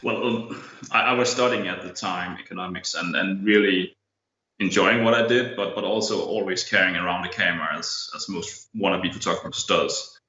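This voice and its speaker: Deep-voiced and sharp in tone, a man in his thirties from Denmark talks at normal speed. He's a photographer with a Danish accent, chatting in easygoing English as a guest on a casual video-call interview. The audio feels roomy and a touch dull.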